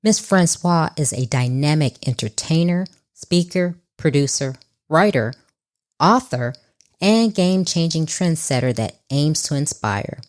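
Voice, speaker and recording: A woman podcast host reads a scripted intro and then chats in a warm, effusive, upbeat way, laughing easily. Her voice is low and expressive, with a measured pace.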